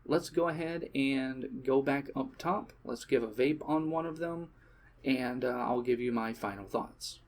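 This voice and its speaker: A man giving a relaxed product demonstration, talking casually with frequent fillers and self-corrections. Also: mid-range voice, measured pace. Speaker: shop presenter.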